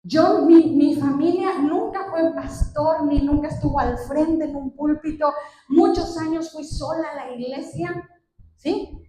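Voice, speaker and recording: A woman's voice: high voice, fairly even intonation, measured pace, dark tone. A woman preaching a sermon, retelling a Bible story and putting questions to the congregation. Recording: echoey hall, distant mic, faint noise.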